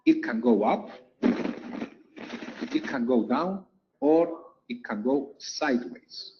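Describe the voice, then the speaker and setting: A man's voice: mid-range voice, animated, slow, muffled recording, background noise. A man teaching a lesson over chart slides, explaining step by step and repeating key points for emphasis. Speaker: trading instructor.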